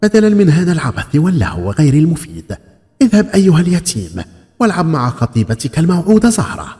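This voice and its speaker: A man's voice: fairly high pitch, huge pitch swings, fast talker, warm tone, in a large hall, pitched above the performer's own voice. A man voicing an irritable old village woman in a folk tale, scolding and grumbling. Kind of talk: folk tale character acting.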